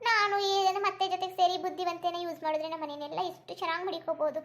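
A woman's voice: very high-pitched, fairly even intonation, racing, fairly bright tone. A woman with a Kannada accent chatting casually to viewers as the host of a cartoon channel.

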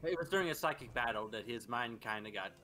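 A man's voice: medium pitch, expressive, fast, over a noisy crowd. A man co-commenting on a video game, explaining the story hesitantly with ums and uhs. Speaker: let's play co-commentator. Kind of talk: casual gameplay chat.

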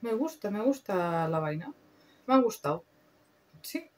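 A woman's voice: medium pitch, big pitch swings, unhurried, darkish tone. A young woman with a Spain Spanish accent, chatting casually and slangily through a makeup review, swearing freely. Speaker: beauty vlogger.

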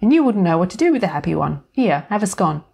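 A woman's voice: fairly low pitch, very animated, fast talker, vocal fry, husky, heavily acted. Sadie, a woman doing a bubbly young woman. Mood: perky. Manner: bright, playful, chirpy. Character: bubbly cheerful young woman, breezy and upbeat.

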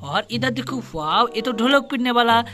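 A man narrating toy play for children as a channel host, excited and full of repeated exclamations. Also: extremely high pitch, normal speed. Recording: background music.

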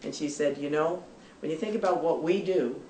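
A woman's voice: sits low, moderate pace, warm tone. A middle-aged woman coach giving an emphatic, instructive pregame pep speech to her team in a locker room. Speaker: basketball coach. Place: small indoor locker room in front of seated players. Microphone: camera several feet away. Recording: roomy locker room, distant mic, faint noise.

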